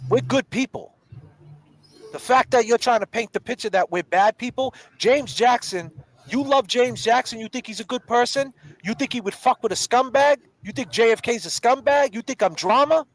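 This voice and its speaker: A man's voice: extremely high pitch, moderate pace, low-quality recording. A middle-aged man hosting a livestream, confrontational and heated, calling people out by name. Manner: confrontational, repeats names and calls people out directly. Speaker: livestream host.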